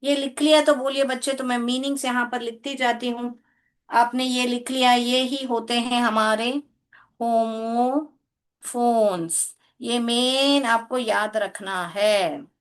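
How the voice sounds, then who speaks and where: Woman schoolteacher, slightly high voice, very slow and patient, keeps questioning the kids. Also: fairly even intonation. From India. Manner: patient, asks children many questions and praises them; speaks slowly and spells points out step by step. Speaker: English teacher. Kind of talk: classroom lesson for children, mixing Hindi and English.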